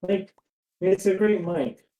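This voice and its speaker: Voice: mid-range voice, takes it slowly, mellow. A streamer chatting casually during a game with a friend, laughing often, with a robotic distortion on the voice. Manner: chatty, laughs often, fusses over tech trouble. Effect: robotic voice-chat distortion. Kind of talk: casual gaming chat.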